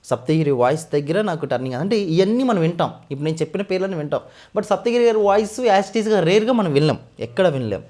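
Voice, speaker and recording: A man, a mimicry artist, talking eagerly about his career in a casual interview. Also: sits high. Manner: rapid, eager, animated storytelling.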